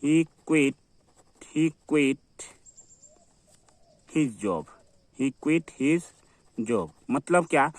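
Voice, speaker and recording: A man teaching an English vocabulary lesson. He keeps asking questions and answering them himself, and repeats each word slowly. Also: fairly high pitch, no echo. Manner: repetitive, asks and answers his own questions. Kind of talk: classroom-style vocabulary lesson.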